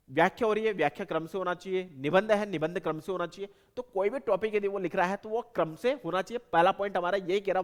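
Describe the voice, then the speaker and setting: A man gives an exam-prep lecture with a fairly high voice. He explains patiently and drives each point home by repeating it in lists. The sound carries a long, lingering reverb. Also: fairly bright tone. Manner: repetitive, explanatory, stresses points by listing. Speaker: teacher.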